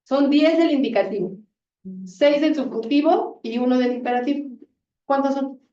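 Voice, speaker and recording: A woman's voice: sits high, moderate pace, mellow, echoey room. A woman teaching a grammar lesson, asking students questions and encouraging them. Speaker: Spanish teacher. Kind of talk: classroom lesson. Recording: lo-fi classroom recording from a distance.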